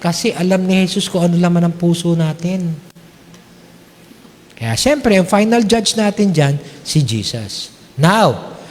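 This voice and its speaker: A man's voice: high-pitched, in a large hall. A man preaching a sermon as pastor, talking conversationally and checking in with his congregation, switching between Tagalog and English. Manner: conversational, checks in with "okay?" often. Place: church.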